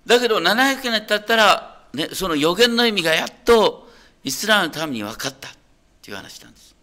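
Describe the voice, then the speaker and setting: This pastor's voice sits high, with big pitch swings and a pushed, bright quality, and he moves at a fairly quick pace. He preaches in a conversational manner, asking the audience questions and frequently making sure they're keeping up.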